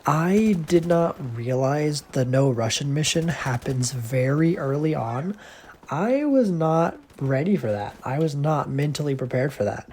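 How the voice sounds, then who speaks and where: A man's voice: fairly high pitch, lively intonation, a little slow, darkish tone. Casual gaming host, male, stuffy nasal voice from allergies, rambling and self-deprecating, faint noise underneath. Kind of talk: casual rambling commentary over gameplay.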